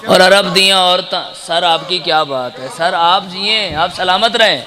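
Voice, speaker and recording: A man with a Punjabi accent giving an impassioned majlis sermon, breaking into sung lines and urging the gathering to respond. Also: high voice. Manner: impassioned, urges the crowd to respond. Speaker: zakir, religious orator. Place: live gathering hall.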